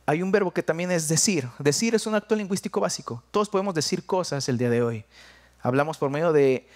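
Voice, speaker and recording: A young Mexican man with a Jalisco accent, preaching a sermon in a conversational, playful way, dropping to quiet asides. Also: fairly high pitch, animated, fast talker.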